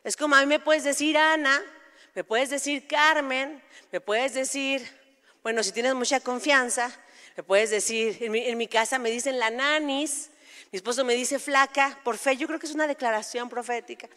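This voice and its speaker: A woman in her forties gives a sermon in a lively, conversational manner, breaking into playful asides and correcting herself on the fly. Her voice sits high, and it rings out with a long hall reverb. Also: normal speed. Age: 40s. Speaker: preacher.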